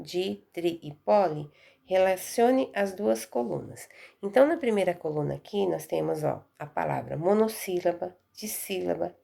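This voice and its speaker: Gravelly-voiced Brazilian woman teaching. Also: lowish voice, dark tone. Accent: Brazilian Portuguese. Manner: patient, explains step by step, checks understanding with "tá?". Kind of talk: recorded Portuguese lesson.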